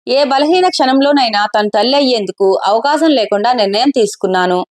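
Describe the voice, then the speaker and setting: A woman voicing a young married man as he quietly confesses a painful memory in a read-aloud story. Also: fairly high pitch, expressive, a little fast, close to an everyday voice. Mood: sorrowful.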